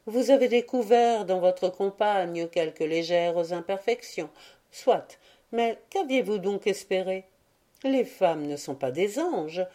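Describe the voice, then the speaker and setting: A woman reading the part of a shrewd, self-assured young wife who teases gently but firmly, in an audiobook. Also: mid-range voice, expressive, takes it slowly. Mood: teasing. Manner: gently teasing, firm.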